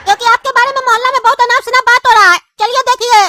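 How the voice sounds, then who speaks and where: A woman's voice: very high voice, steady tone, very fast, pushed and bright, dry recording, clean studio sound. A woman voicing a sassy, mouthy cartoon pumpkin boy. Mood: tattling. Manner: mouthy, teasing. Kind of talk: cartoon voice acting.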